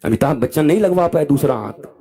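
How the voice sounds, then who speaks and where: A spiritual teacher in his fifties gives a live discourse in a husky, expressive voice that sits on the high side and runs a little fast. He speaks animatedly, climbing to loud exhortation and falling to soft asides while addressing his listeners directly and affectionately.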